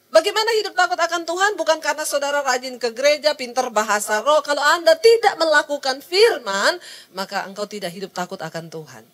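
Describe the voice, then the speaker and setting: Woman, middle-aged, sermon, storytelling, animated call-outs to the congregation, higher-pitched voice. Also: fairly quick. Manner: acts out the people in her story. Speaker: preacher.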